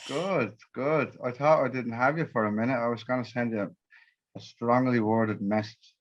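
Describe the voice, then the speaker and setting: A man's voice: medium pitch, moderate pace, muffled recording. A man hosting a podcast interview, upbeat and friendly, laughing easily with his guest. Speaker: podcast host.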